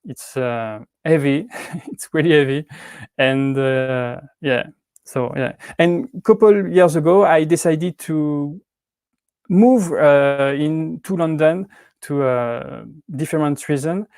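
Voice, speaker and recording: A man's voice: a little high, slow, a little mellow, clear, resonant tone, no room sound, clean studio sound. A man in his thirties from Switzerland with a French accent, chatting casually on a livestream, hesitant with many restarts and fillers. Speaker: YouTube prop-making channel host. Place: indoors at home with cats.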